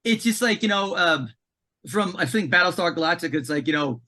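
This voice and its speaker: Emphatic male podcast guest, high voice with a bright edge. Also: fairly quick. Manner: emphatic and animated, repeats words. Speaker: commissioning consultant, podcast guest. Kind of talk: casual podcast conversation.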